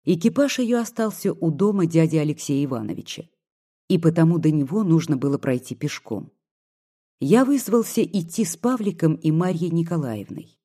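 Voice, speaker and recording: Calm audiobook narrator reading old-style prose, dark mellow voice with a husky edge. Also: mid-range voice, normal speed.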